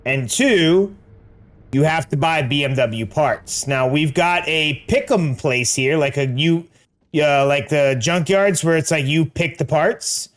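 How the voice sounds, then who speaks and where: Man, American accent, middle-aged, higher-pitched voice, casual gaming-stream chat, slangy. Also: takes it slowly. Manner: slangy, says dude and like often. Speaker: game streamer.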